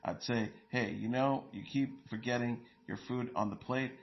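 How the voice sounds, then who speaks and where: A man's voice: medium pitch, steady tone, moderate pace, dull audio, a little hiss or hum. A man hosting an entertainment news show, reading stories and quotes in a plain delivery with small slips and fillers.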